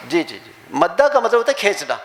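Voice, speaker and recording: An older man, a Quran recitation teacher, gives a classroom tajweed lesson, patiently drilling letter sounds. His voice sits high with big pitch swings, and the echoey classroom recording carries crowd and background noise.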